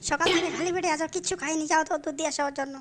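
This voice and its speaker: A woman voicing a shrill, coaxing cartoon mother. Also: fairly even intonation, rapid-fire, background noise, close to an everyday voice. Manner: coaxing, repeating pleas. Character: pleading soft-hearted mother of the family. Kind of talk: comic cartoon voice acting.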